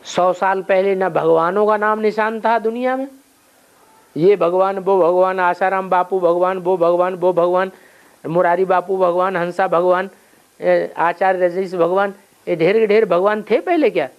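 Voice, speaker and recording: Male spiritual teacher, quizzes his listeners and answers himself, muffled low-fi recording. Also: steady tone, moderate pace, smooth. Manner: asks rhetorical questions and answers them himself. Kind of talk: spiritual class, question and answer. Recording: dull lo-fi recording with faint noise.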